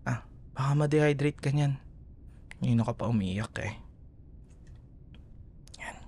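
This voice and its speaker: In a slightly slow, mid-range voice, this Filipino-accented man soothes the listener as a gentle young boyfriend in an intimate ASMR scene. He offers tender, sleepy comfort with a protective warmth.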